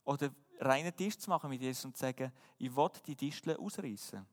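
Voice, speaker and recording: A man's voice: medium pitch, brisk, big-room sound. A man preaching a sermon, earnest and emphatic, often asking rhetorical questions.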